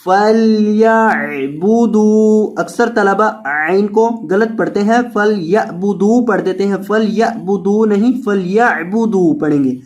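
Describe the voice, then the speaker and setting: Slow, patient Quran recitation teacher. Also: mid-range voice, a little mellow. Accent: Pakistani Urdu. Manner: spells out letters and vowel marks slowly, then recites in a drawn-out melodic chant. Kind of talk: tajweed lesson, spelling word by word.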